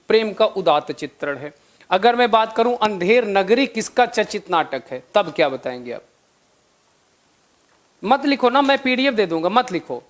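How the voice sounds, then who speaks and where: A young man teaching a live online exam-prep class, quizzing his students and repeating each answer in a chatty way. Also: sits high.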